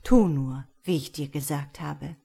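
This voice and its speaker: A woman's voice: low voice, measured pace, creaky, slightly rough, voice pushed down, full character voice. A woman reading a fairy tale aloud and voicing a selfless, sad statue prince who speaks earnestly and insistently. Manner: earnest, insistent, softly commanding.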